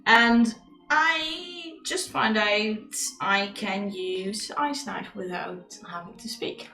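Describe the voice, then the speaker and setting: A woman's voice: mid-range voice, slow pace, pushed and bright. A woman chatting casually as a player at a tabletop game, in a roomy echo.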